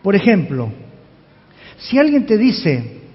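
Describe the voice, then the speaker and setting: A male pastor preaches an expository sermon in a high, animated voice. He presses his listeners with emphatic questions. The recording carries a long hall reverb and a dull, lo-fi tone. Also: slow. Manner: emphatic, asks the congregation questions.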